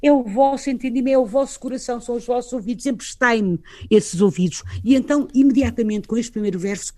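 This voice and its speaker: A woman's voice: on the high side, fast talker, mellow. A woman with a European Portuguese accent, a guest in a conversational literary discussion, explaining with animation and frequent tag questions.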